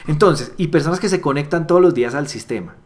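A network marketing trainer delivers a motivational sales training talk in a fairly high, fast voice. He's animated, acting out little dialogues with shifts in voice and repeating key phrases for emphasis.

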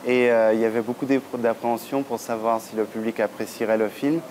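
Halting man over faint background noise. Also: medium pitch, steady tone, a little mellow. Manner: hesitant, halting phrasing. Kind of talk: news report interview clip.

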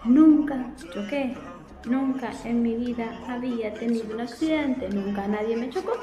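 An animated woman in her forties with an Argentine Spanish accent talks straight to her webcam, chatting as if to friends. Her voice sits a little on the high side. The room is echoey, and soft music plays faintly behind her. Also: moderate pace. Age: 40s. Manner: animated, chatty, gestures a lot with her hands. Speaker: vlogger. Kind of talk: casual storytelling to camera. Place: small room at home by a window, indoors.

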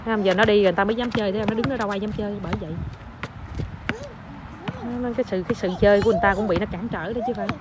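A young mother talks to her viewers in a chatty, teasing way while she follows her small child around an outdoor playground. Her voice sits at an ordinary pitch for a woman. It is picked up by a handheld phone, with clear outdoor noise behind her. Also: fairly even intonation, racing, long pauses. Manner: chatty, teasing running commentary, mixing in English phrases. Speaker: mother filming her toddler at a park. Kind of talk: casual vlog narration to viewers. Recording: noisy outdoor phone recording.

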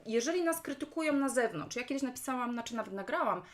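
A woman's voice: a little high, animated, quick pace. A woman with a chesty cough, chatting casually to viewers on a live stream and often addressing them directly. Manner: chatty, repeatedly checking in with questions to listeners. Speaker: live-stream host, business coach and speaker. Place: at home, indoors.

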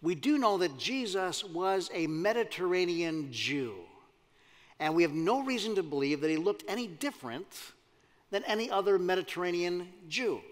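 A man's voice: high voice, animated, normal speed. A man preaching a sermon as pastor, talking conversationally and putting questions to the congregation. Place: church sanctuary. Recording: long hall reverb.

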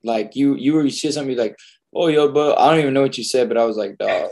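A man's voice: medium pitch, rapid-fire, a little mellow. A young man hosting a casual chat, laid-back and slangy, joking often. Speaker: host.

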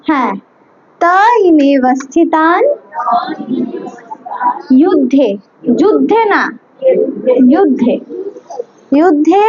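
A woman teaching a devotional Gita course, slowly breaking verses into syllables and repeating them for students. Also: extremely high pitch, a little mellow, muffled recording. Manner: slow, patient, repeats syllables for students to follow. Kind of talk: devotional lesson with verse recitation drills.

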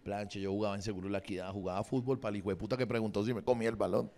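A man's voice: lowish voice, fairly even intonation, racing, noisy background. A man in his forties with a Bogotá accent, doing improvised, crude stand-up and bantering with the audience. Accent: Bogotá Spanish. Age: 40s. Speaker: stand-up comedian. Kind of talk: improvised stand-up crowd work. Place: comedy venue with a live audience.

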